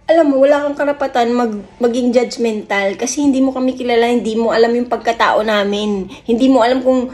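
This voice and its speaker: A woman's voice: a little high, fairly quick, hardly any pauses, darkish tone. A woman answering commenters earnestly and defensively in couple banter, often laughing, recorded at home. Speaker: vlogger's partner.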